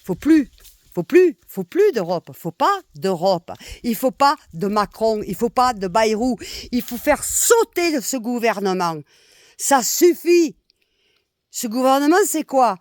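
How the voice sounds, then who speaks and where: A middle-aged woman from Nîmes with a southern French accent, delivering a heated, repetitive political rant full of swearing and loud outbursts. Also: fairly high pitch, big pitch swings, a little slow, no echo. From Nîmes, southern France. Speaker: expatriate venting online.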